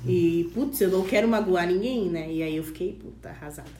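A woman's voice: on the low side, brisk, reverberant, slight background noise. A middle-aged woman, a teacher chatting casually and telling a story with lots of quoted dialogue. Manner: animated storytelling, quoting herself. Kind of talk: casual chat.

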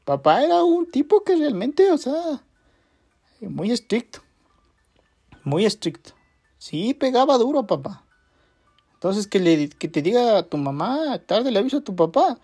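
A man's voice: very high-pitched, big pitch swings, unhurried, pauses often, dark tone, slightly rough, soft background music. Rambling man telling a story. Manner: rambling, repeats phrases with many fillers. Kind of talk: casual personal anecdote.

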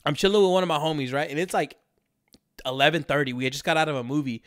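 A young man tells a story on a podcast, his voice a touch high. He rambles and swears as he goes, with many fillers and frequent laughs. The sound is close and dry. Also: fast talker, no echo. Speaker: podcast co-host. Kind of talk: casual storytelling chat.

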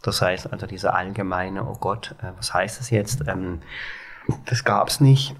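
A man's voice: low-pitched, unhurried. A man from Baden-Baden with a Baden accent, speaking hesitantly with many fillers as a guest in an interview. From Baden-Baden, Germany. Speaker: guest, exhibition founder. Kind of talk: reflective interview talk.

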